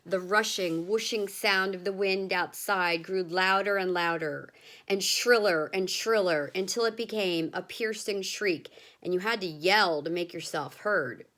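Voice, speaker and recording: A woman teacher explaining similes and reading a children's story aloud, gentle and patient. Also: mid-range voice. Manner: gentle, explanatory, slow with pauses. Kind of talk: read-aloud lesson for children.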